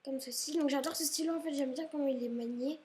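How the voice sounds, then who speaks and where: A young woman with a high, slightly mellow voice talks quickly in a vlog recorded indoors at her home, with a faint hiss or hum in the audio. She rambles casually about her school supplies, apologizing often, and sounds a little sick, perhaps stuffy-nosed.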